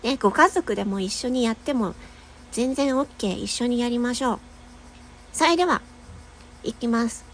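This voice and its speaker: A young adult woman with a nasal, fairly high voice gives a casual voice lesson as a voice-training podcaster, chatting, laughing often and demonstrating long sustained tones. She talks at normal speed but pauses often. A little hiss or hum is audible.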